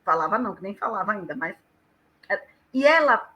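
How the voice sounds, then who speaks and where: A woman with a Brazilian Portuguese accent, an educator talking on a live stream and explaining things in an animated way. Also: medium pitch, fairly quick, low-quality recording. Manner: animated, acts out quoted speech vividly.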